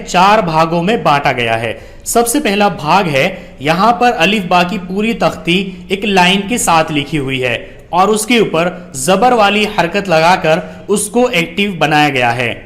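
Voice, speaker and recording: A man teaching Quran reading, spelling letters out slowly and deliberately, then explaining the lesson. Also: sits high, lively intonation, a bit bright.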